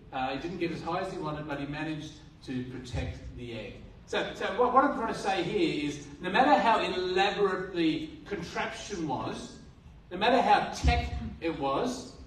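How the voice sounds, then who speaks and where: Earnestly delivering a sermon, an Australian man serving as pastor asks rhetorical questions and often starts his phrases over. His voice is somewhat high, and he holds a handheld mic in a church hall. The recording sounds distant and roomy, with slight hiss or hum.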